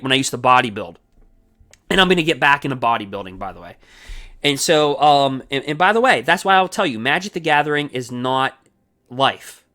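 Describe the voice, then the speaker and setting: A man hosting his own card game channel, talking fast and energetically in a rambling, casual way with many asides. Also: mid-range voice, sharp tone. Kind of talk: casual solo gameplay commentary. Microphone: desk microphone.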